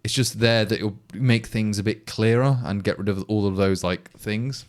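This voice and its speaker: An East Midlands-accented man from England, who programs on a livestream, rambles casually to viewers in a lowish voice at normal speed. He sounds exasperated and frequently begins again.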